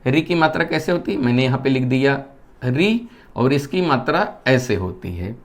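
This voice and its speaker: A male Hindi teacher giving a classroom-style lesson. He asks the class questions, answers them himself in a lower voice, and keeps checking that they understand. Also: lively intonation, moderate pace. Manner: keeps checking whether students have understood.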